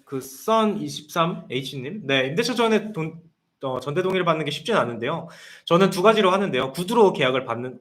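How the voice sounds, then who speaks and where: Fast-talking man answering viewer questions. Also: medium pitch, fairly bright tone. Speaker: guest consultant. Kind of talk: live-stream Q&A.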